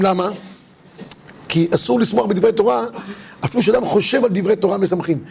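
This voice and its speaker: A man with a high voice, gravelly and husky, leads a religious lesson. He tells stories as he teaches and acts out each character's lines. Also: a little mellow. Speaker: rabbi teaching religious law.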